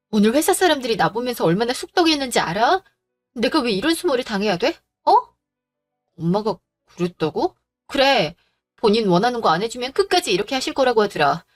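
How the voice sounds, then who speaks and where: A woman voicing a fed-up young bride-to-be who speaks firmly and with frustration in a drama. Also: fairly high pitch. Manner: frustrated, firm. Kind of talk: Korean audio drama acting.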